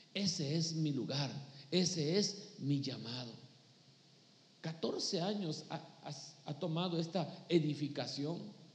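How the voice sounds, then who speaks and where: A man preaching a sermon as pastor, reading scripture and calling out to his congregation with emphatic bursts. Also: high voice. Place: church hall. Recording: echoey church hall with long reverb.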